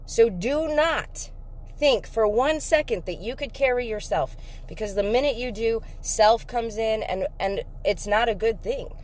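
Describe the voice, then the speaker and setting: A woman telling an emotional faith story in a casual vlog, emphatic and excitable, breaking into laughter. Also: on the high side, unhurried. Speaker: faith vlogger.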